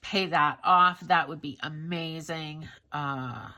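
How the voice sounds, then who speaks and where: A woman's voice: deep voice, slow, bright, forceful tone. A woman vlogging about her monthly budget in a casual, candid way, congested from a cold and often trailing off with fillers. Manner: candid, self-critical, chatty with fillers.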